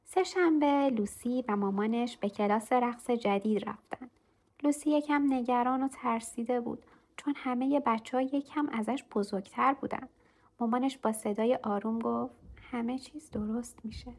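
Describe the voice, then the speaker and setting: A woman narrates a simple children's story in a gentle, even storytelling manner. Her voice sits slightly high, and she reads clearly and calmly.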